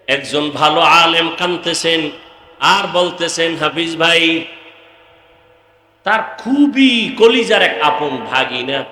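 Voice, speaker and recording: A man preaching a waz sermon, chanting in a sing-song style and rising into high, shouted pleas. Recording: echoey long reverb over loudspeakers.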